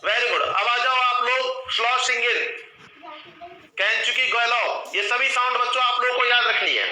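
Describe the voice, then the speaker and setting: A man's voice: very high-pitched, a little slow, sharp tone, roomy sound, rough recording. A man teaching a live online nursing class, who keeps asking his students questions and then answering them himself, and calls them children.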